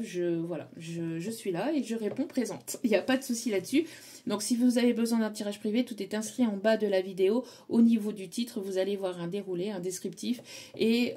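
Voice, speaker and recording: Mellow-voiced French woman, hesitant. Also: medium pitch. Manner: hesitant, many fillers and restarts. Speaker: tarot reader. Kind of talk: casual spiritual guidance talk.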